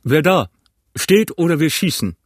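A man's voice: medium pitch, lively intonation, measured pace, no room sound, clean studio sound. A man voicing a stern, wary ship's captain who gives curt orders in an audiobook. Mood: commanding. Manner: curt, commanding. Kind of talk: audiobook character voice.

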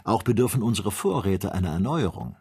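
A man's voice: on the low side, big pitch swings, brisk, a little mellow, husky, full character voice. A man reading a keen, amiable hunter. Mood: friendly. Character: keen male hunter and traveling companion.

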